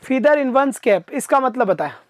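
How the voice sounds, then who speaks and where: Guy teaching a live exam class, keeps pushing students to answer fast, dry close mic. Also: extremely high pitch, animated, dry recording. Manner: coaxing, calls students "beta" and urges quick answers; reads out viewer comments and answers them.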